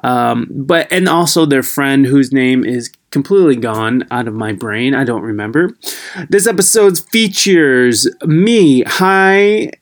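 A man's voice: mid-range voice, animated, takes it slowly. An American man hosting a podcast gives a casual, unscripted intro, rambling and searching for words, recorded through a tinny laptop microphone. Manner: rambling, searching for words, mildly self-deprecating. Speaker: podcast host. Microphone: computer's built-in microphone.

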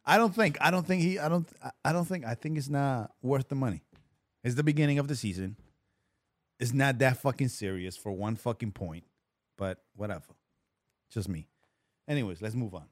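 A man's voice: medium pitch, normal speed, no room sound. A man co-hosting a podcast in casual chat, rambling and restarting his sentences. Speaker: podcast co-host.

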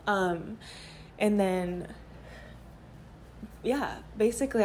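A woman hosting a podcast, recorded as a phone voice memo while walking around her apartment, talking in a candid, rambling, out-loud journaling way with lots of fillers. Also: medium pitch, a little hiss or hum. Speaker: podcast host.

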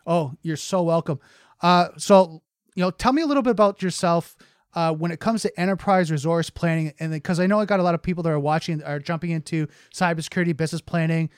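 Upbeat male podcast host, quick and smooth, close dry mic. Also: on the high side, no room sound. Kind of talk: casual interview chat.

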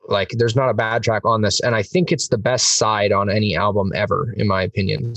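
A man's voice: lowish voice, a bit bright, no room sound, recorded from a distance. A man chatting on a music podcast, enthusiastic and rambling, with lots of fillers. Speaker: podcast host. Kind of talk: casual music podcast chat.

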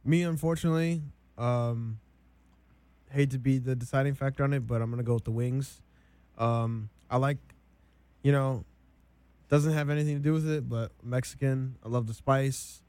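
A young man co-hosts a casual taste test and weighs each dish slowly, pausing on many ums. His voice is mid-pitched and sounds dry and close to the mic. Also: fairly even intonation, darkish tone, clear, resonant tone, no echo. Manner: slow, deliberate reviewing with many ums. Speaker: co-host.

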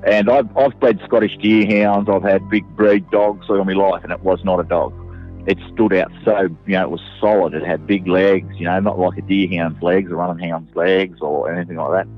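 A man's voice: low-pitched, fairly even intonation, normal speed. An Australian man, a sheep farmer, recounting events in a plain-spoken, casual way full of fillers. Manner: plain-spoken, many "you know" fillers. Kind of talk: casual interview recollection. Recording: phone-like line with faint music.

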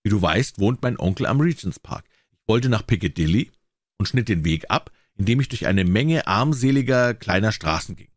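A man narrating a classic story as an audiobook reader, with expressive, varied intonation. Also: lowish voice, moderate pace, no room sound, clean studio sound.

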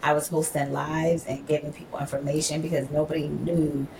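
A woman's voice: low voice, brisk, vocal fry, a little hiss or hum. A woman in her forties, a podcast guest, telling travel stories in casual chat and acting out quotes. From United States. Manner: animated storyteller, acts out quotes. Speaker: podcast guest, event organizer.

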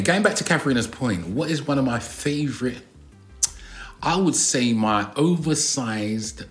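A man with a South London accent chatting casually as a co-host, drawing out his words with a little slang. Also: mid-range voice. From South London, England. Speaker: co-host of a couple's vlog. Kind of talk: casual chat.

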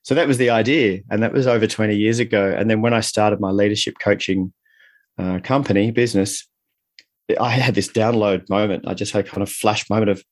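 A man's voice: on the low side, steady tone, fairly quick, no echo, clean studio sound. A middle-aged man speaking reflectively as an interview guest, explaining and telling stories in a conversational way. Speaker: interview guest, leadership coach.

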